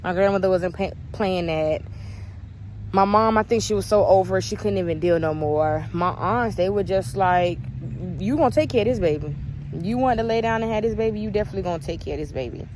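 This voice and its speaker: A woman's voice: mid-range voice, fairly quick, a little mellow, slight background noise. Candid chatty young woman vlogger. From United States. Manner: candid, chatty, emphatic storytelling. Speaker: vlogger answering viewer questions. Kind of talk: casual story time Q&A.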